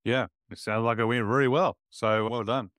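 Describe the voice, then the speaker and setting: A man's voice: medium pitch, steady tone, moderate pace, a bit bright, no room sound, clean studio sound. A man hosting a podcast interview, upbeat and full of praise as he questions his guest. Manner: enthusiastic, frequent praise words. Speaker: podcast host.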